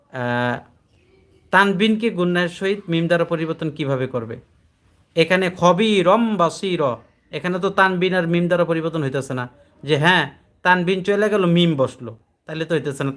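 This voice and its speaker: Speaking with a slightly raised pitch, a man teaches Quran recitation to a classroom of adult learners who address him as hujur. He patiently repeats each rule and keeps asking questions to confirm they follow, and when reciting examples he slows into a chant that draws out the syllables.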